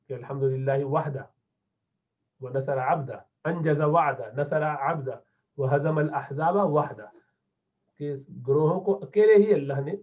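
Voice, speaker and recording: A man teaching an Arabic lesson, patiently repeating words slowly so learners catch the pronunciation. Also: on the high side. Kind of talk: classroom lesson lecture. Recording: tinny phone-like lo-fi audio.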